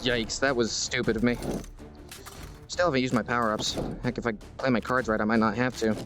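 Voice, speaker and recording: A man hosting a gaming video in casual let's-play commentary, rambling and self-mocking, reacting aloud to the game and to chat, and breaking into high, panicked yelps when under fire. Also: steady tone, brisk, music in the background.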